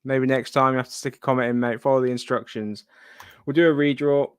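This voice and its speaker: A man's voice: medium pitch, fairly even intonation, fairly quick, clear, resonant tone, no room sound, studio quality. Man thinking aloud on a livestream. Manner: thinks aloud, muttering asides. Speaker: livestream host. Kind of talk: casual live gaming stream chat.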